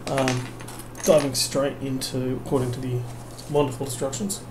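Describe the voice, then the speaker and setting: Unable to sleep, a weary man puts together a kit on a late-night vlog at home, mocking himself wryly as he rambles and drifts off into fillers. His voice is medium-pitched with little pitch movement at a moderate pace, and the recording is noisy.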